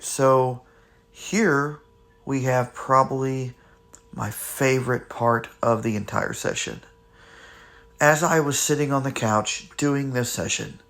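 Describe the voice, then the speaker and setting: A man with a mid-pitched voice narrates a paranormal investigation for viewers. He speaks slowly and deliberately, in halting phrases with pauses between them, as the host explaining a spirit box session. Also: a bit bright.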